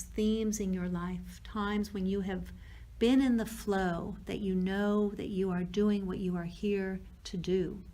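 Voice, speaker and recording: The woman guides yoga nidra as a teacher, her slow and soothing phrases spaced out with pauses. Her mid-range voice carries a dark tone.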